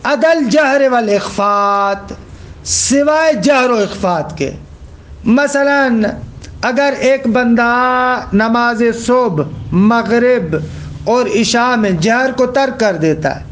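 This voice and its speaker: High-voiced male religious teacher, methodical lecture delivery. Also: lively intonation. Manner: explains step by step, checks understanding with questions; recites quoted text slowly and deliberately.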